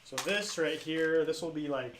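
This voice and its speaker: A relaxed man with a mid-range voice talks through his work on a live stream. His voice rings in a roomy space, and noise is clearly heard behind him. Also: a little high, normal speed. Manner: relaxed, explains while working with his hands. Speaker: host. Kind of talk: casual live-stream chat. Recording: echoey room with clear background noise.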